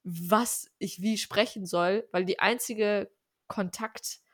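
A chatty young woman talks through her own stories in a relaxed conversation, her voice close and dry. She grew up speaking Armenian at home, and her tone lifts and falls as she tells each story. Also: mid-range voice, slow pace, no echo. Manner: chatty, animated storytelling with fillers. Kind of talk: casual conversation.

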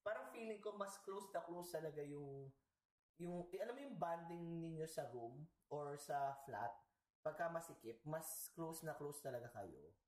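In an echoey room, a man from the Philippines co-hosts a podcast and spins stories with sassy, self-mocking humor in a casual storytelling chat. His fairly high voice has a darkish tone, very animated but at a moderate pace.

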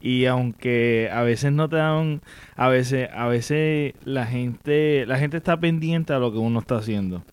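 A man's voice: mid-range voice, a little slow, smooth. A man hosting a casual podcast conversation, speaking earnestly and supportively as he searches for words.

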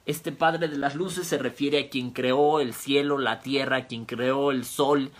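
A man's voice: medium pitch, fairly even intonation, takes it slowly. A man giving a sermon, explaining Bible word roots step by step and repeating key phrases. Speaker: preacher. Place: home, via online stream.

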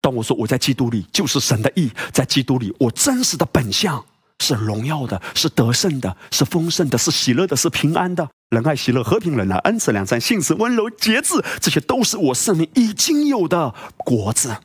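A man's voice: fairly high pitch, sing-song, fairly quick, husky. A male pastor preaching a sermon, emphatic and full of rhetorical questions and exclamations.

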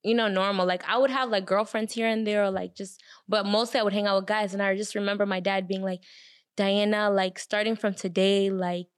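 A young woman co-hosting a casual chat, telling a story in an animated way, acting out the people she quotes, with lots of fillers and laughter. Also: mid-range voice, fast, few pauses.

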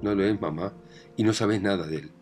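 A man's voice: on the low side, brisk, a little mellow, faint music behind, natural voice. A man with a Rioplatense accent voicing an anxious, defensive married daughter in a read-aloud play. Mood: uneasy. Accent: Rioplatense Spanish.

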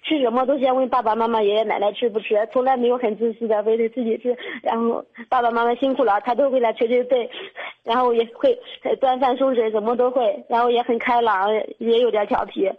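A woman's voice: fairly high pitch, fairly even intonation, fairly quick. A woman calling a radio advice show, tearful and hesitant as she pleads her case. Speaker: caller. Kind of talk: radio call-in conversation. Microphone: telephone. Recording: tinny phone line.

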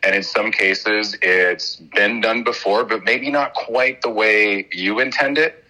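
A man speaking as a guest on a podcast interview, energetic and persuasive in his answers. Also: lowish voice, slow pace, rough recording.

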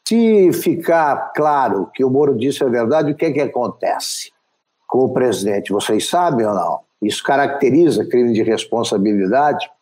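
A man's voice: medium pitch, animated, moderate pace, darkish tone. A man moderating a discussion panel, putting frank questions to the others.

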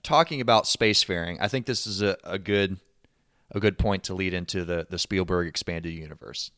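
A man's voice: low-pitched, brisk, fairly bright tone. A man hosting a podcast in casual chat, riffing and joking. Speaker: podcast host.

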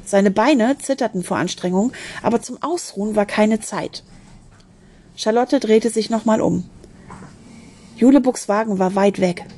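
A woman's voice: mid-range voice, unhurried, warm tone. A woman reading a children's story aloud, expressively, with small slips and restarts. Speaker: narrator.

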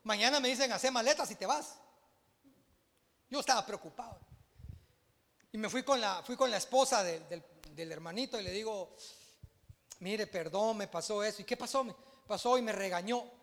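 Guatemalan pastor preaching in a reverberant church. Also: male voice, sits high, normal speed, creaky. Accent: Guatemalan Spanish. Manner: preaching with swings from loud exclamations to hushed asides. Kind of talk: sermon.

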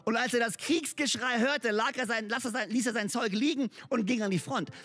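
High-voiced, husky-toned preacher man. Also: brisk, faint music behind. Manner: lively and emphatic, mixes in English words; conversational, speaks directly to listeners. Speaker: pastor. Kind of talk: sermon.

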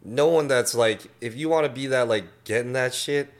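A man in his early thirties talking in a brash, profane, animated way in a casual podcast chat. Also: mid-range voice, normal speed. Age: 30s. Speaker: podcast guest.

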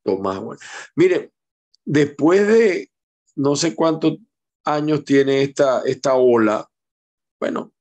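A middle-aged man, hosting political commentary, slow and digressive with wry asides. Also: fairly high pitch, lively intonation, a little mellow. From Venezuela. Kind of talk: commentary on a news clip.

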